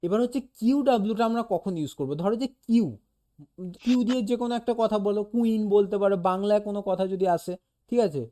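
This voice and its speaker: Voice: mid-range voice, quick pace, warm tone. A teacher giving a casual one-on-one lesson, explaining patiently, saying sounds aloud to demonstrate and often checking in with "okay?". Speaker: animation teacher.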